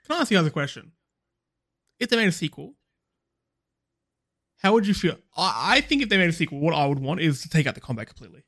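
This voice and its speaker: A man with a somewhat high voice chats on a gaming podcast. He lays out his opinions with animated conviction. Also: quick pace, pauses often. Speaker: podcast co-host. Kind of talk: casual chat.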